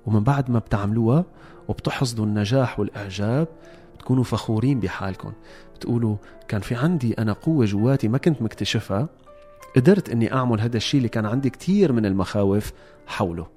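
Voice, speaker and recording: A man speaks Levantine Arabic at a brisk clip in a mellow voice. He explains like a motivational host, instructive and emphatic, addressing his listeners directly. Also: on the low side, expressive, faint music behind. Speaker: host of a self-help series.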